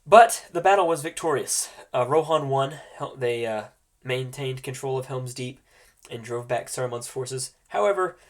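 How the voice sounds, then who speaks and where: A man with a medium-pitched, expressive voice hosts a tabletop roleplaying game as game master, his speech congested and nasal from a cold. He explains things informally, with frequent halts.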